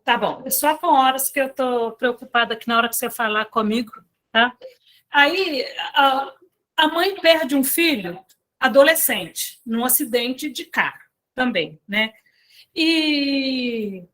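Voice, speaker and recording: This lay speaker at a spiritist center has a high, fairly bright voice. She tells stories to a study group in an informal spiritual talk, keeping it chatty with filler tags and little asides to the people listening.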